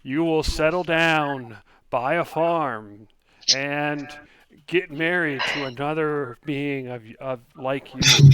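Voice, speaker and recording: A man's voice: fairly high pitch, takes it slowly, pushed and bright, rough recording. Tabletop fortune-teller woman, acted by a man: polite, selling her prophecies. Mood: portentous.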